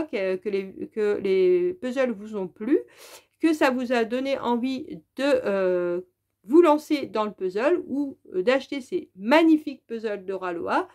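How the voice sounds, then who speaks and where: A woman's voice: medium pitch, expressive, unhurried, darkish tone. A woman reviewing jigsaw puzzles in a casual vlog, chatty and hesitant with frequent fillers and restarts. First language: French. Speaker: puzzle vlogger.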